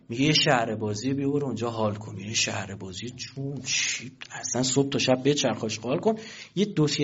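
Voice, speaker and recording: Emphatic man with a husky voice. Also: medium pitch, dull audio. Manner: emphatic, asks the audience rhetorical questions. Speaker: speaker addressing an audience. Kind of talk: colloquial political talk.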